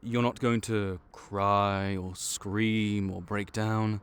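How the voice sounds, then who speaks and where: In an audio roleplay, a man voices a veteran vampire counselor handling paperwork and checkups like a seasoned official. His smooth, fairly low voice takes its time over every word, measured, clinical, bureaucratic and patiently reassuring.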